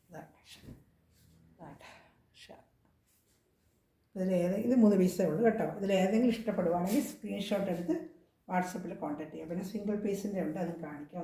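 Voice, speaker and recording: A woman with a Kerala Malayalam accent and a slightly hoarse voice from a cold, chatting casually as she shows clothing for sale. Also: lowish voice, brisk, mellow, echoey room. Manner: chatty, repeats prices and sizes. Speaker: clothing seller. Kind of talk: casual product showcase.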